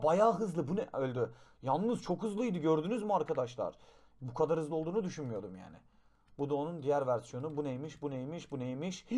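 A young man giving excited gameplay commentary, shouting in bursts, then dropping to low mutters, and making gun noises with his mouth. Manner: excitable, shouts and swings between loud outbursts and low mutters; makes gun sound effects with his mouth. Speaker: gaming YouTuber.

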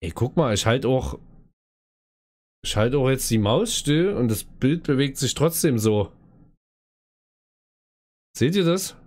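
A man's voice: medium pitch, animated, takes it slowly, long pauses. A man giving casual let's play commentary on a horror game, a scared, jumpy streamer who talks to viewers and to the game's characters.

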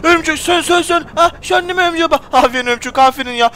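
Excitable male gaming host, fast and high, in-character Minecraft role-play. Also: a little hiss or hum. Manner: excitable, addresses viewers constantly. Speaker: YouTube host playing the poor character.

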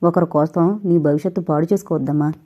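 A woman's voice: sits low, steady tone, fast talker. A woman voicing a kind sister-in-law who consoles a younger woman, in an audio novel. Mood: consoling. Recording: dull lo-fi recording.

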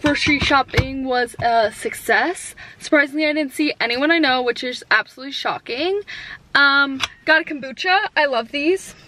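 Nervous high-voiced young woman vlogging. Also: normal speed, bright, forceful tone. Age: 20s. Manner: nervous, giggly, rambling with many likes. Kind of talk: casual vlog chat. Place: in her car. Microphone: camera held in hand.

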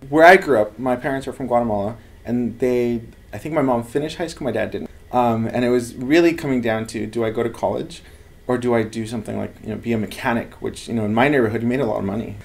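A man in his thirties from Los Angeles speaks in a casual interview, earnest and animated as he tells stories. His mid-range voice carries a gravelly, fried edge. He is seated in an office lined with bookshelves. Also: mid-range voice, fast. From Los Angeles, United States. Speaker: lab head researcher.

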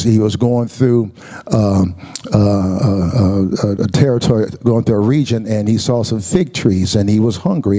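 A man's voice: mid-range voice, warm tone. A man preaching a Sunday sermon as pastor, calling out to the congregation and repeating words as he builds his points. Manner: preaching with call-and-response asides; repeats words and restarts often.

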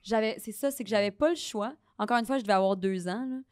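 A woman's voice: medium pitch, fast talker. A young woman with a Québécois accent, a guest telling self-mocking stories in a casual podcast chat. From Quebec. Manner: laughing, self-mocking storyteller.

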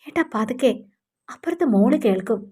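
A woman's voice: on the high side, a little fast, lightly acted. Woman doing a hurt, pleading housewife. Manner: pleading, wounded, softly complaining.

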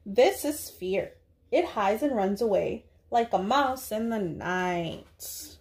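A young woman, a preschool teacher, speaking to small children in a deliberate read-aloud style with drawn-out words. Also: medium pitch, lively intonation, a little mellow. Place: small indoor room.

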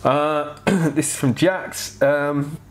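A man's voice: a little high, level tone, extremely slow, slight background noise. A man in his thirties with a wheezy voice, out of breath and unwell, chatting informally and frankly as he answers questions at home on a lapel mic. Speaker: vlogger answering viewer questions. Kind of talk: casual chat, answering questions. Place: home kitchen, indoors. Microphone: clip-on lapel mic.

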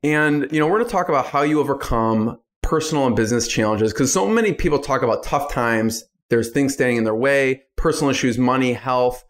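A man's voice: medium pitch, fairly quick, hardly any pauses. A man hosting a podcast, introducing his guest and asking questions in a friendly, chatty way. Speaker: podcast host. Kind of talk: casual interview.

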